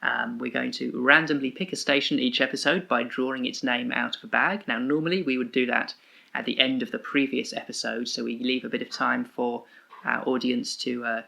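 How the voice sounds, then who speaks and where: A man's voice: medium pitch, steady tone, a little fast, vocal fry, bright, forceful tone. A man co-hosting a casual podcast, reading station facts in an announcer voice. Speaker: podcast co-host.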